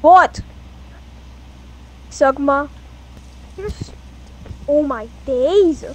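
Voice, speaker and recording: A woman's voice: high voice, drawn-out words, darkish tone, rough recording. A woman chatting casually while playing a game with friends, teasing them and bursting into laughs and exclamations. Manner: teasing, giggly, blurts out exclamations. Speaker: gamer. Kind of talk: casual gaming chat.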